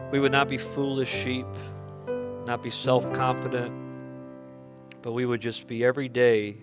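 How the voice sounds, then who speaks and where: A male pastor speaks into a pulpit microphone in a church, earnest and pleading as he prays, often stumbling and repeating words. His voice sits at an ordinary middle pitch. Clear piano and guitar music plays softly behind him. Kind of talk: sermon and closing prayer. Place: church sanctuary.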